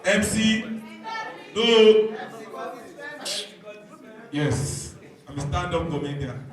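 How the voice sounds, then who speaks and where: A man's voice: high-pitched, animated, drawn-out words, crowd noise. A Nigerian man doing stand-up comedy as host, teasing and calling out to his live audience in Pidgin-flecked speech. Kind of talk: crowd-work stand-up comedy, mixing English and Pidgin. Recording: echoey venue, distant stage sound.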